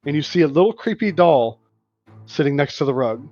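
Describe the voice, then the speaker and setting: A man's voice: a little high, expressive, a little fast, a little mellow. A man runs a tabletop game as game master, narrating scenes and calling for rolls with frequent uhs and restarts. His voice comes through slightly dull, lo-fi stream audio, with faint music playing underneath. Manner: descriptive, with frequent restarts and "uh" fillers.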